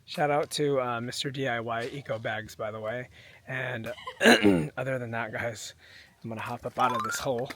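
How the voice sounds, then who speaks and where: A man's voice: medium pitch, normal speed, creaky, crowd noise. A man talking to camera in a casual, joking vlog outdoors. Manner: joking, laid-back. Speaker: vlogger. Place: outdoors on a building site. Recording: outdoor noise.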